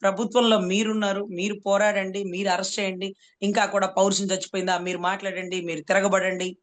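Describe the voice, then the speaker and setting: A woman's voice: medium pitch, flat delivery, fairly quick. A woman advocate giving heated political commentary, speaking rhetorically and repeatedly addressing her interviewer as "sir". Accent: Telugu.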